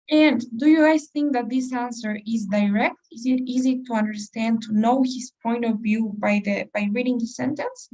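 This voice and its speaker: A woman's voice: on the high side, gravelly, a little mellow, recorded from a distance, low-quality recording. A woman teaching an English test-prep class, explaining step by step and putting questions to her students. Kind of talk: class lesson.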